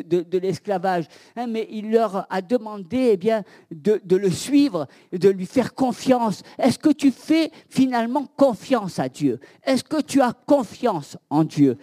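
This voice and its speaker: Man, sermon, high voice, dark mellow tone, hesitant, repeats words, questions the listeners. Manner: halting, many fillers and repeated words; asks the listeners direct questions. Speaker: pastor.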